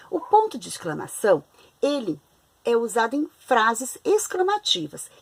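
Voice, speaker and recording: A woman teaching a class for young children in Brazilian Portuguese, talking slowly and clearly with stretched-out intonation. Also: mid-range voice, a little mellow. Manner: slow, clear, didactic, with exaggerated intonation on examples.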